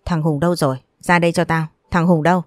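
A brash thug from a storybook, barking threats at an old man's door, as a woman reads him out. His words come quick and hard, and the voice stays fairly low. The sound is dry and close. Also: level tone, no echo, faint music behind, natural voice. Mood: threatening. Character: menacing male debt-collector thug.

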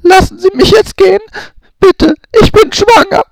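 A man voicing a desperate, pregnant young woman in a high, tearful falsetto, in an audiobook reading. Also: unhurried. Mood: sobbing pleas.

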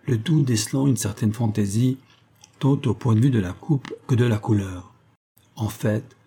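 Male audiobook narrator, low pitch, mellow dark tone, measured dramatic reading. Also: slightly rough.

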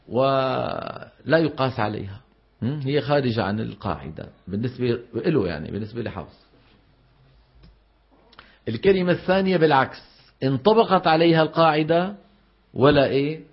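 A man's voice: mid-range voice, slightly rough. Man teaching recitation rules. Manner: explains with frequent questions to the class; recites verse examples slowly. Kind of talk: classroom lecture on recitation rules. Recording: dull lo-fi recording.

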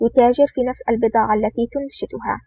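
A reader voicing a slow, scheming male crime boss. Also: mid-range voice, fairly even intonation, mellow, a little hiss or hum, natural voice. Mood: smooth scheming. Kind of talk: audiobook reading. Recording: dull lo-fi recording.

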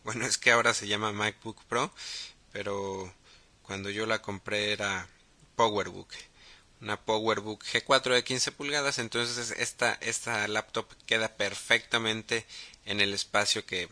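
A man with a Mexican accent hosting a casual podcast, talking haltingly with many fillers and restarts. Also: fairly low pitch, steady tone, sharp tone. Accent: Mexican Spanish. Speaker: podcast host.

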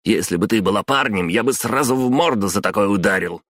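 A man reading a story, voicing a rude, hot-tempered male office boss who talks harshly and shouts. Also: lowish voice, animated, a little fast, no echo, pitched above the performer's own voice. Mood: enraged.

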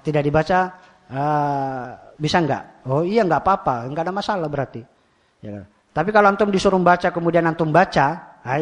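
A man with a Javanese Indonesian accent teaching a religious study class, often asking rhetorical questions and repeating key phrases. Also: on the high side. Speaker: Islamic teacher.

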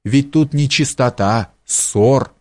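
A man's voice: mid-range voice, takes it slowly, no echo, studio quality, lightly acted. A man voicing a tipsy, fawning old male village steward who gushes in a sing-song way. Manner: sing-song, gushing, servile.

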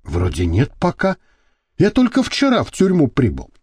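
A man's voice: on the high side, wildly swooping pitch, normal speed, a little mellow, slightly rough, no room sound, heavily acted. A man voicing a naive, earnest young male inmate who talks sheepishly. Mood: meek.

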